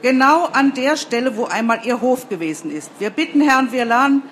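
A woman's voice: high voice, animated, a bit bright, slight background noise, voice pushed up. A woman voicing a bossy, self-important young female TV reporter who orders everyone around. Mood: on-air. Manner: commanding, brisk, self-important.

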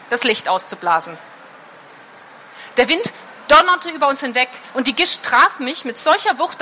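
Woman reader, dramatic book reading, bright high voice, faint hiss behind. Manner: expressive, dramatic narration.

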